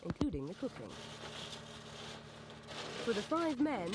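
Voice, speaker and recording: A woman reporter reading scripted documentary narration in a measured, formal manner. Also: a little high, very animated, noisy background.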